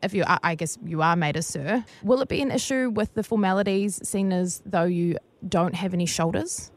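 A woman's voice: lowish voice, a little fast, a little hiss or hum, close to an everyday voice. A New Zealand woman playing a polite, earnest government official on a prank radio phone call. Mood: politely businesslike. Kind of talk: semi-formal phone interview.

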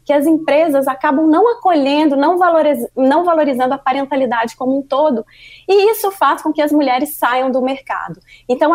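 High-voiced earnest Brazilian woman. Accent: Brazilian Portuguese. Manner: earnest and explanatory, often tags "né?". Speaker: guest, workplace parenthood consultant. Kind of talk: interview answers.

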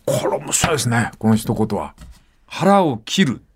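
An older man hosting a casual radio talk segment, reading listener letters and acting out dialect phrases with animated storytelling. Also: medium pitch, normal speed, breathy edge.

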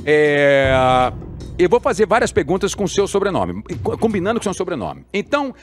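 A man's voice: high voice, very animated, fairly quick, faint music behind. A man with a Brazilian Portuguese accent hosting a podcast interview, teasing and joking with his guest. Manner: playful, teasing, sing-song bits. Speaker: podcast host. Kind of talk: casual interview chat.

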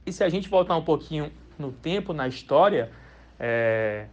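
A man's voice: a little high, animated, moderate pace, highs cut off. A man, a sports editor telling football history with emphatic enthusiasm. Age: 30s. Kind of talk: sports commentary insert.

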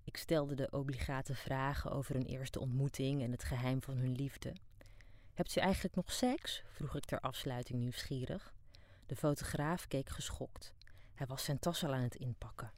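A woman's voice: rumbling low, fairly even intonation, normal speed, a little mellow, no echo, clean studio sound. A middle-aged woman from Amsterdam narrating her own diary as an audiobook, frank, wry and down-to-earth. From Amsterdam, Netherlands. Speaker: narrator and author.

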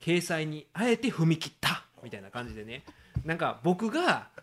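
A man with a Kansai accent, a lawyer hosting a podcast, telling animated stories and acting out phone calls in casual comic chat from an office. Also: on the high side, moderate pace.

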